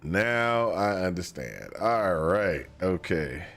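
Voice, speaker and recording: Sniffling from a cold, a young male gaming streamer chats casually about his gameplay, rambling with many fillers and restarts. His low-pitched voice is expressive, slow and a bit bright, with faint music behind.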